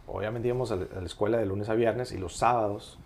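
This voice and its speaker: A middle-aged man, a surgeon guest telling childhood stories in a relaxed, rambling way with many fillers. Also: on the low side, quick pace. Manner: rambling storyteller with frequent fillers. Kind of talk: casual podcast interview.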